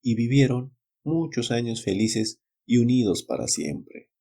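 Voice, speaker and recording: Male storyteller, measured reading, husky, dark mellow tone. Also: medium pitch, lively intonation. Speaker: reader of legends and tales. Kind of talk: storybook narration.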